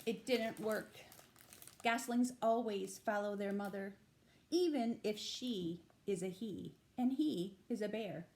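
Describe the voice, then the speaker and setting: A woman reading a picture book aloud to young children as a storytime librarian, expressive and emphatic, with explanatory asides. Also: medium pitch, slow pace. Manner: animated, emphatic, with explanatory asides to little listeners.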